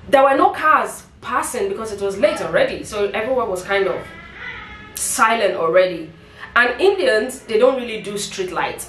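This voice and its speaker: A woman's voice: medium pitch, a bit bright, recorded from a distance, slight background noise. A young woman recounts a personal story to her viewers, talking casually and with feeling and turning aside to address them. Her voice sits in a middle range and carries a roomy echo. She sounds a little away from the mic. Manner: emotional, vivid retelling with asides to viewers. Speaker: vlogger.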